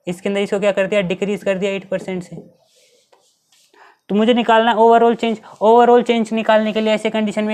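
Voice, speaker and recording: With a high, clean-toned voice, a man teaches exam-prep math, walking through every step and asking his students rhetorical questions. He mixes Hindi and English and reads out the English questions slowly.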